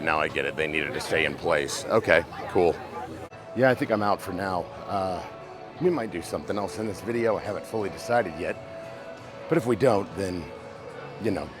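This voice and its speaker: A man with a very low voice talks casually to camera from outdoors at a theme park. He is chatty and self-deprecating, and loud music plays clearly behind him.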